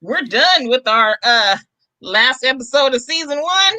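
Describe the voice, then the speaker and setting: A woman's voice: sits high, animated, a little slow, bright, forceful tone, no room sound. A woman co-hosting a casual chat podcast, blunt and emphatic. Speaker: podcast co-host.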